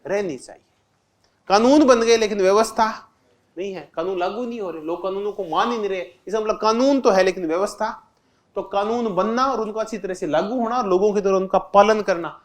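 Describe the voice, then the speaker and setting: A man teaching an exam-prep lecture, constantly asking the class questions and answering them himself, repeating key terms with simple examples. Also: high voice. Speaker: political science teacher.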